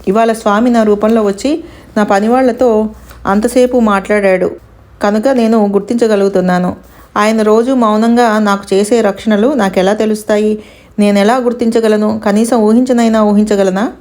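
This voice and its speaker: A woman's voice: medium pitch, fairly even intonation, normal speed, a little mellow, lightly acted. A woman voicing a remorseful, devout male scholar in an anguished, self-reproaching tone. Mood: lamenting.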